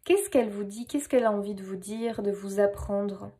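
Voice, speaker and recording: A woman's voice: mid-range voice, moderate pace, dark tone. A woman with a French accent giving a casual, playful tarot reading, talking with lots of fillers. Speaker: tarot reader.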